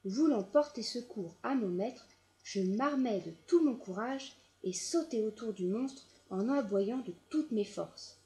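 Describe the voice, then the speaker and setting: A woman reading a children's audiobook aloud in a gentle, measured storytelling manner. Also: a little high, animated. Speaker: storybook narrator.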